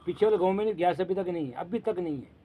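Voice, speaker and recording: Man with a dark voice, telling his story casually. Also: high-pitched, quick pace, slight background noise, poor audio. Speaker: former election candidate. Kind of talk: casual chat.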